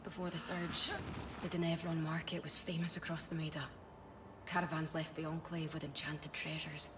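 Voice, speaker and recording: A woman acting as a fantasy game storyteller speaks low and evenly. Her measured lore narration sits quiet and distant under clear ambient noise. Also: flat delivery, natural voice. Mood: solemn storytelling. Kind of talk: scripted narration.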